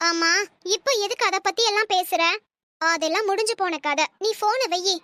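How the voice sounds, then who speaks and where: A woman voicing an anxious, defensive young wife in a cartoon, talking quickly and pleading. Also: very high-pitched, fairly bright tone, no room sound, studio quality. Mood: irritated. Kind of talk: cartoon voice acting.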